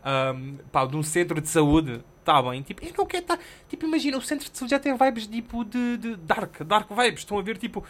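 Animated slangy Portuguese podcaster man. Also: high voice, fairly quick, few pauses. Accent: European Portuguese. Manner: animated, swearing, slangy, self-mocking. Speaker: podcast host. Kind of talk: casual solo storytelling.

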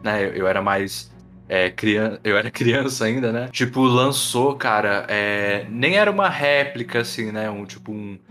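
A young man with a Brazilian accent in casual, excited, slang-filled chat as a podcast co-host. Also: lowish voice, a little slow, soft background music.

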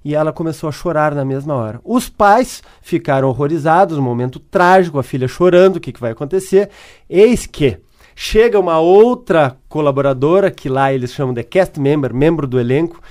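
Brazilian man explaining in a higher voice. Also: lively intonation, normal speed, darkish tone. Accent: Brazilian Portuguese. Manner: tells stories and worked examples. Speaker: customer service speaker, guest. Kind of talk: explanatory interview answers.

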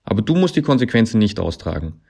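A man voicing a sarcastic male climbing hold that talks back, dry and mocking, growing into loud accusations. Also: sits low, expressive, extremely slow, exaggerated voice. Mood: bitter.

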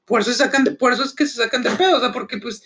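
A young man with a Mexican accent and an unusually high voice, chatting casually in a laid-back, slangy way. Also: rapid-fire, a bit bright, slightly rough. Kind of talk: casual chat.

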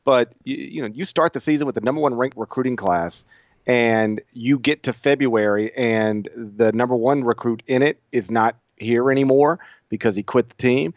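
A man in his thirties, co-hosting a casual sports podcast, talking in an animated, chatty way with frequent restarts. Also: mid-range voice, normal speed, dry recording, highs cut off. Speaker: podcast co-host.

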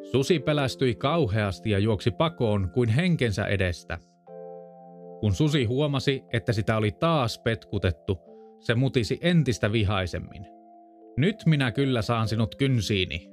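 A man calmly narrating a fairy tale aloud at an even read-aloud pace. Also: mid-range voice. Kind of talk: storybook narration.

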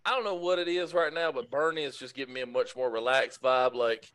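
A man's voice: mid-range voice, fairly even intonation, brisk, crowd noise. A man co-hosting a podcast, teasing his friends and laughing often over a video call. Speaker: podcast co-host. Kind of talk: crude casual banter.

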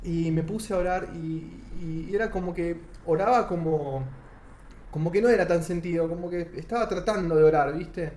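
A young man with an Argentine accent, his voice fairly high and mellow, describes his faith journey at a moderate pace in a laid-back interview. He speaks with sincerity but frequently stops and restarts to find his words, amid echo and faint background noise.

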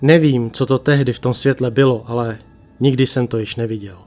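A man narrates a first-person horror story in a hushed, measured voice. His pitch sits in the middle of the male range. Faint music plays beneath his slow, deliberate reading, which he breaks with long pauses. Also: fairly even intonation. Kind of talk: creepypasta narration.

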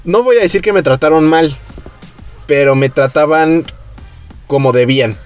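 A young man with a Mexican Spanish accent, hosting a podcast and telling a story in relaxed, slangy chat, acting out the voices of people he quotes. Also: a little high, normal speed, smooth, faint music behind. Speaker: podcast host.

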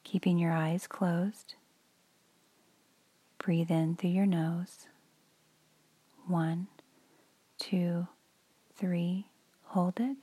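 Slow whispering woman guiding a meditation. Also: fairly low pitch, slightly rough, dry recording, low-quality recording. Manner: soft whispery delivery, slow and soothing. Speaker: meditation guide. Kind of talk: guided meditation for children.

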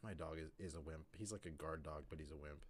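A man's voice: rumbling low, fast talker, slight background noise. A man casually telling a long personal story on a podcast, full of fillers and "like". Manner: rambling, filler-heavy storytelling with lots of "like". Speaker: podcast co-host.

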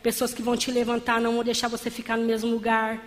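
A woman's voice: fairly high pitch, completely flat delivery, fast. A woman giving a fervent sermon-style testimony in church, calling her listeners beloved. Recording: long hall reverb.

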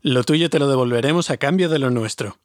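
A man reading a grave, steady leader of men. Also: medium pitch, a little fast, dry recording, studio quality, close to an everyday voice. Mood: measured.

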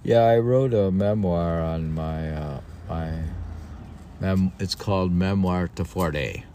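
Deep and mellow, an older man's voice moves slowly through a book he is reading for his podcast, with light hiss or hum in the background. He rambles, muses, pokes fun at himself in his own commentary, and repeats sections.

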